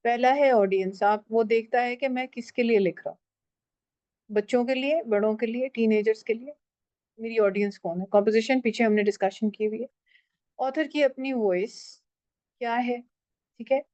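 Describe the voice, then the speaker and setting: A woman's voice: fairly high pitch, normal speed, darkish tone, no room sound, dull audio. Woman teaching a writing class. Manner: explains step by step, checking in with "okay?"; switches often into English phrases. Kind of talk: online class lecture.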